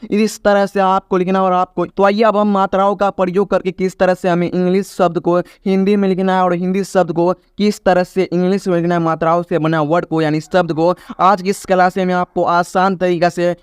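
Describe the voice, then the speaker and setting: A man's voice: high voice, level tone, brisk, hardly any pauses, clear, resonant tone, no echo, clean studio sound. A man teaching a video lesson to viewers he calls friends, repeating "okay?" often and stretching vowel sounds to demonstrate them. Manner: repetitive, keeps asking "ठीक है ना?". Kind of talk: classroom-style video lesson.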